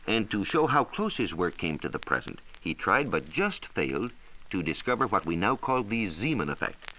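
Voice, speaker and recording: Heard on an old, hissy broadcast transcription with poor audio, a low-voiced American man speaks at a moderate pace. His forceful, bright delivery rises and falls vividly as he narrates scripted educational material in the emphatic style of a 1940s radio science reporter.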